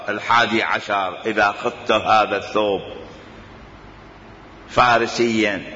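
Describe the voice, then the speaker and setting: Animated Iraqi man lecturing in an echoey hall. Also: fairly low pitch, a little hiss or hum. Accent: Iraqi Arabic. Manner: animated, argumentative, fires rhetorical questions. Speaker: teacher of Islamic jurisprudence. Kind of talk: religious jurisprudence lecture. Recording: echoey hall, dull lo-fi sound.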